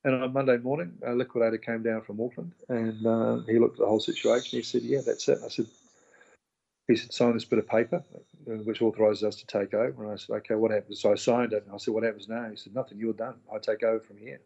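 A man's voice: lowish voice, quick pace, gravelly, muffled recording. A man with a New Zealand accent telling his story in casual conversation, acting out the voices of the people he quotes. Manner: animated, acts out quoted dialogue. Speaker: interview guest.

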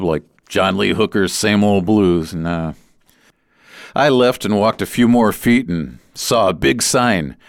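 A man's voice: fairly low pitch, no echo, clean studio sound. An older American man telling his life story as a memoir, wry and conversational, with playful asides.

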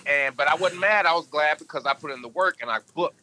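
A man appears as a podcast guest, speaking quickly with a bright, forceful tone that can drop deep. His talk is casual interview chat, delivered emphatically and in a storytelling style.

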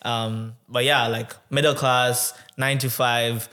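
Podcast guest, man in his 20s from Tanzania; smooth, even voice, easygoing and thoughtful, lots of "um". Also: mid-range voice. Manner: relaxed, many "um"s, measured and reflective. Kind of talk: conversational interview.

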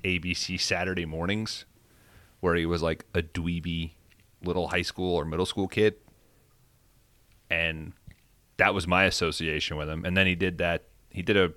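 A man's voice: sits low, pushed and bright, dry recording. A man co-hosting a casual podcast, rambling wryly and swearing freely. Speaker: podcast co-host.

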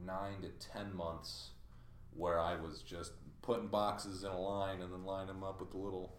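A man in casual chat, wry and quick to laugh. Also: sits low, little pitch movement, roomy sound, slight background noise.

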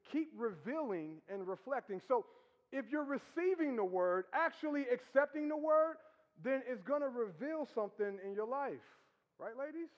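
A man preaching as pastor, conversational and teasing, with rhetorical questions and quick laughs. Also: sits high. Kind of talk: sermon. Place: church hall. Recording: dull sound with long hall reverb.

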